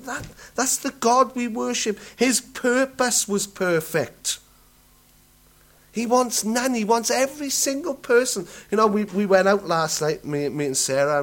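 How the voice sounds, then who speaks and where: A man's voice: extremely high pitch, fairly bright tone. A man preaching a morning sermon, asking the congregation rhetorical questions and repeating his points with frequent restarts. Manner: restarts and stumbles over words.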